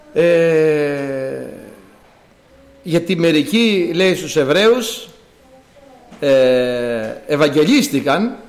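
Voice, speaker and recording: A man preaching a sermon to his congregation and telling a personal testimony. He talks in an animated way, swinging from loud exclamations to quiet asides, and acts out sounds as he speaks. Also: fairly high pitch. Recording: echoey hall.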